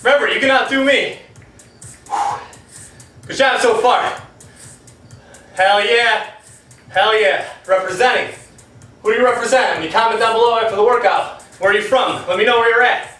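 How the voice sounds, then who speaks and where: A man coaching a home kickboxing workout, energetic and encouraging, calling out moves while out of breath. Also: very high voice, moderate pace, pauses often. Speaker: fitness instructor. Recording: echoey room from far off, music behind.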